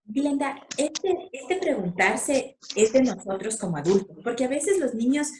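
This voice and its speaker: A woman's voice: high-pitched, lively intonation, a little slow, darkish tone. A woman host adds reflective follow-ups in an ordinary mid-range voice. She sounds attentive and affirming. The sound is echoey, with a faint hiss behind it. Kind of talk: interview talk. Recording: echoey room with faint noise.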